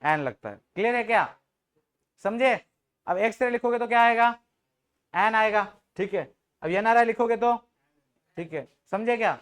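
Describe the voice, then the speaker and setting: A man's voice: high voice, lively intonation, moderate pace, pauses often, a bit bright, smooth. A man teaching an English grammar class in Hindi, joking with students and often checking if they understood. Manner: jokes with the class, informal and teasing.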